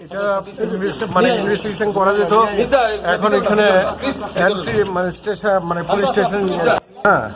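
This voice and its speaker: A man's voice: high-pitched, fairly even intonation, moderate pace, a loud crowd. A man speaking spontaneously to reporters in an agitated, insistent way, repeating himself. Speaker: interviewee.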